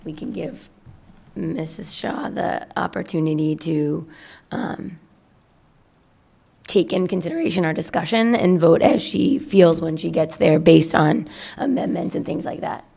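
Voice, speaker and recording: A woman's voice: on the low side, measured pace, gravelly, mellow, husky. A woman chairing a school committee meeting, losing her voice, laughing often and using casual fillers. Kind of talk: meeting discussion.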